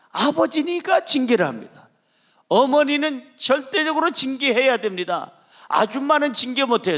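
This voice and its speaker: Emphatic high-voiced male pastor preaching. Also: fairly bright tone. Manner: emphatic, repetitive, call-and-response with congregation. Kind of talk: sermon.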